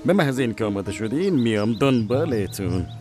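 An actor dubbing a courteous, formal palace attendant. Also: male voice, medium pitch, lively intonation, over music, lightly acted. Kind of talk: film dubbing.

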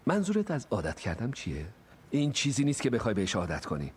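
A blustering, well-meaning stepdad. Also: male voice, mid-range voice, wildly swooping pitch, a little mellow, husky, exaggerated voice. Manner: boastful threats that quickly turn sheepish. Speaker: stepfather. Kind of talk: dubbed film acting.

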